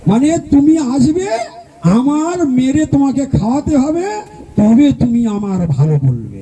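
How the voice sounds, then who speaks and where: Male devotional preacher, high and dark-toned, questioning and rousing his listeners; faint background noise. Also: big pitch swings, measured pace, slightly rough, rough recording. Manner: rhetorical questions and call-and-response with audience; mimics relatives in quoted speech. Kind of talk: Bengali devotional sermon. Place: gathering at a devotee's home.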